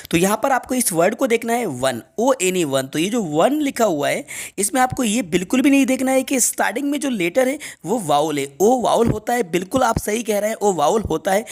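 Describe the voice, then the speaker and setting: An Indian man teaching an English grammar lesson for exam preparation, explaining step by step and reading each example sentence slowly, often twice. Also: high-pitched.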